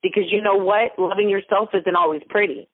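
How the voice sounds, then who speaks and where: Speaking a little fast in a medium-pitched, steady voice, this woman is a guest mentor and founder on a phone-line interview. The audio is tinny with no room sound, and her delivery is emphatic and motivational, full of stacked repetitions.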